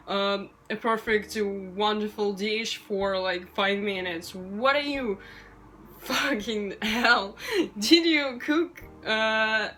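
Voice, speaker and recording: Slow-talking frustrated young woman venting. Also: mid-range voice, sharp tone, rough recording. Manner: frustrated, blunt, swears freely, slow with many fillers. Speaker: vlogger, waitress. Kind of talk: casual ranting vlog.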